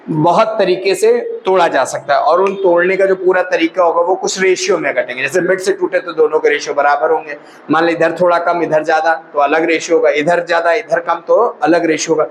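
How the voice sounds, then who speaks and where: A man's voice: fairly high pitch, fairly even intonation, a little fast, a little hiss or hum, poor audio. A male maths teacher explaining a lesson to students. He asks them questions and answers them himself, and calls them brother or child.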